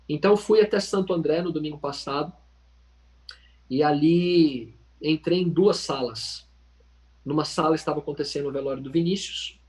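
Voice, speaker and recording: A man's voice: fairly high pitch, a little mellow, rough recording. Earnest Brazilian man teaching over video call. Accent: Brazilian Portuguese. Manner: earnest storytelling, addresses listeners directly. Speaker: Bible study leader. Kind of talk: informal Bible study teaching.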